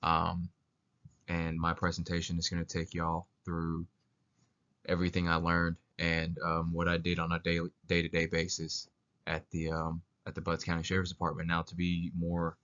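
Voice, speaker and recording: Very deep-voiced young man, sick with flu. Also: monotone, moderate pace, a bit bright, clear, resonant tone. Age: young adult. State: sick with flu, coughing now and then. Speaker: student intern presenting. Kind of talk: narrated presentation. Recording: dull lo-fi voice recording.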